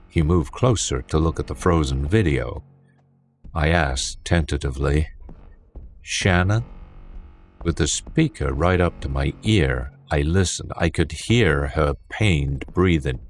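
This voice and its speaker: A man's voice: a bass voice, a little slow. A man narrating a horror story with a tense, dramatic reading. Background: faint music.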